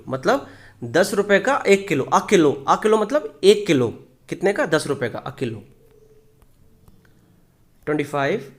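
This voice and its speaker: A man teaching English grammar in Hindi. He explains step by step, asks the class questions and answers them himself, and reads the example sentences slowly. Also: high voice.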